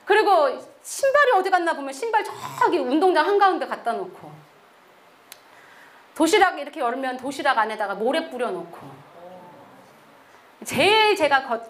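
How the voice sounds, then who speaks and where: Lively high-voiced woman giving testimony. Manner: animated storytelling, acts out quotes. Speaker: missionary. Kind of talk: testimony sermon.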